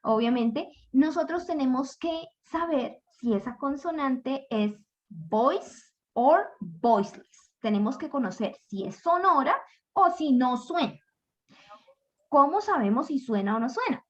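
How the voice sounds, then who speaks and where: A patient woman teacher explains pronunciation at an unhurried pace, stretching out each example sound. Her voice sits a little high. The recording is dull and lo-fi. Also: animated. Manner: slow, patient, demonstrates sounds aloud. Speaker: English teacher. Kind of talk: classroom explanation.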